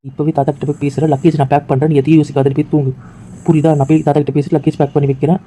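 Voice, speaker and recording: A man plays a firm young man in an amateur audio drama who insists on and repeats his orders. He talks fast, in a dark, flat voice pitched a little high for a man. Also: a little hiss or hum, lightly acted, poor audio. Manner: insistent, commanding, repetitive. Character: firm, protective young man, bitter and controlling.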